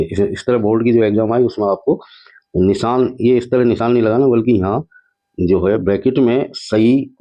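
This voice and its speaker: A male teacher walking through an exam paper step by step, reading the English sentences out slowly. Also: lowish voice. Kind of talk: exam paper walkthrough lesson. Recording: dull lo-fi sound.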